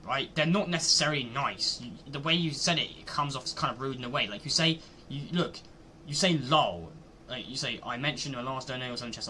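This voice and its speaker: A man's voice: a little high, a little hiss or hum. A man streaming live, reacting to a video and arguing his point over and over. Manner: argumentative, repeats himself, gets loud when annoyed.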